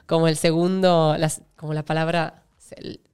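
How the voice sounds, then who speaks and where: Argentine woman, actress guest; lowish, clean voice, chatty and rambling. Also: level tone, darkish tone, clean tone. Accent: Argentine Spanish. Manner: explains at length, with many fillers and quick laughs. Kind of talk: casual interview chat.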